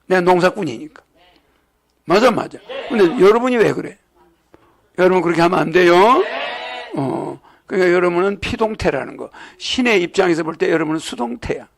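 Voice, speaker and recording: A man's voice: high-pitched, expressive, brisk, gravelly. An older man giving a rambling sermon-lecture to followers, repeating himself, chuckling, and often asking the audience whether he's right. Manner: repetitive, asks the audience "right or not?". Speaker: religious leader lecturing followers.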